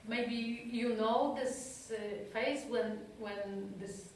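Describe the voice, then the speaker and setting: Speaking in a slightly high voice with fairly even intonation, a woman from Europe, a psychotherapist, shares a personal talk with an audience in an institute's talk room. She is slow and halting as she looks for words in a language that isn't her first. The mic is far away, so the room echoes, with a little hiss or hum underneath.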